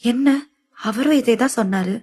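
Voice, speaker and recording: Brief: a young wife, soft, sulky, a bit whiny, audiobook dialogue. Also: female voice, a little high, moderate pace, slightly rough. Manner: soft, whiny when missing her husband.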